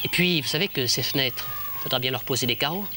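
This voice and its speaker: A man's voice: medium pitch, fast, noisy background, natural voice. A man playing a kindly, reassuring presenter in a children's television show, encouraging and didactic, often repeating himself. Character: kindly, reassuring male friend and teacher.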